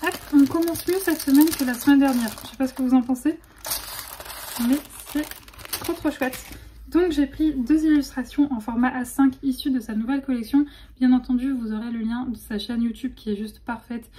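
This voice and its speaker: A young woman chatting excitedly in a casual vlog, full of fillers and restarts. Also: high voice, moderate pace, a little hiss or hum. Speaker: vlogger.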